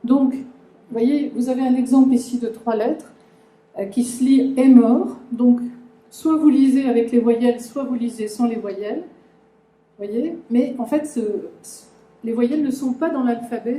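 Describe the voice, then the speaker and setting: A woman's voice: on the high side, unhurried, mellow. A woman giving a conference lecture, talking to the audience with many fillers and restarts. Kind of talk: conference talk explaining a language. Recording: echoey lecture room.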